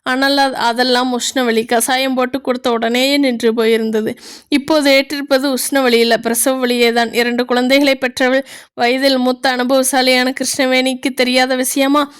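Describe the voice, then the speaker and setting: A woman reads a story aloud in a high, bright register. Her voice is smooth and clean, with an even storybook delivery. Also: moderate pace. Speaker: narrator. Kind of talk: storybook narration.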